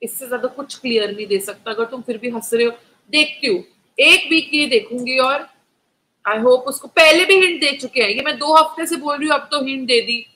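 A young woman hosts a casual live stream, reviewing a TV episode and chatting with viewers. Her voice sits high and sounds bright and forceful, and her talk is animated, with English mixed in. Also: normal speed, poor audio. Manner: animated, mixes Hindi with English, talks to chat viewers. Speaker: live-stream host reviewing a reality show.

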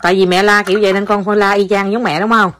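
A woman with a Southern Vietnamese accent chats at home in a medium-pitched voice. She coaxes and scolds gently, the way a mother talks to a small child. A faint hiss sits under her voice. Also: level tone, very fast. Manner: coaxing, scolding gently, chatty. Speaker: mother talking to her toddler. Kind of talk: casual home video chat.

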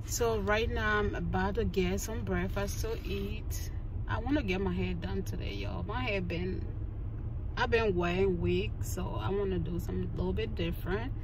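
A young adult woman vlogging in casual chat from her car, talking while she eats, recorded on a phone on the dashboard. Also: mid-range voice. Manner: talks while eating, chatty and relaxed. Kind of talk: casual vlog chat to camera. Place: parked car, indoors. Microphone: phone camera on the dashboard. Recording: distant phone mic with loud road noise.

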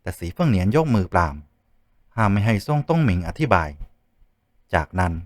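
A man narrating a martial arts novel in an expressive storytelling manner. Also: lowish voice, fairly quick, no echo, studio quality. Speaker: audiobook narrator.

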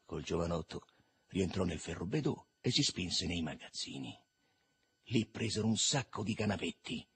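A man reading a literary novel aloud in a lively, expressive way. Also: low-pitched, normal speed, vocal fry, slightly rough. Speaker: reader.

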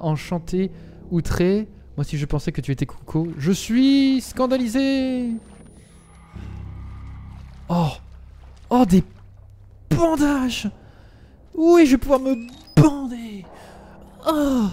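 A young man with a fairly high, warm voice gives live commentary on a game he's streaming, with a slight hiss or hum in the audio. He addresses his viewers and the game's characters, yelping dramatically when something startles him.

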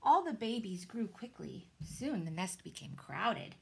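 A woman reads a children's storybook like a teacher to a class. Her delivery is dramatic and deliberate, with very lively intonation and a gravelly creak in the voice. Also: mid-range voice. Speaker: teacher reading aloud. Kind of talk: expressive children's storybook narration. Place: small indoor room with shelves.

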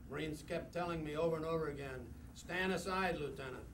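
This older man's voice is fairly high, a bit bright and fairly quick as he gives a rambling, emphatic war memoir talk to a club meeting indoors, dropping in fillers often. He's the guest speaker at a podium mic, recorded by a camcorder from across the room, which makes it roomy, distant and noisy.

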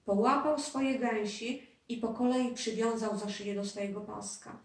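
A woman storyteller reading a children's story aloud in a steady, clear manner, recorded in a roomy space from a distance. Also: a little high, normal speed.

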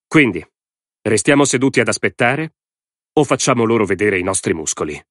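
A man voicing a cool, flat-toned male navy admiral in an audiobook reading. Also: on the low side, brisk, no room sound, studio quality, pitched above the performer's own voice. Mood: firm. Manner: flat, even.

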